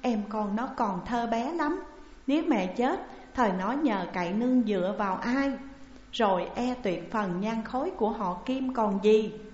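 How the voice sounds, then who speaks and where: A woman voicing a sheltered young noble daughter who is grief-stricken and dutiful, speaking in a high, tearful, pleading voice. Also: expressive, measured pace, darkish tone. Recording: dull, echoey recording with long reverb.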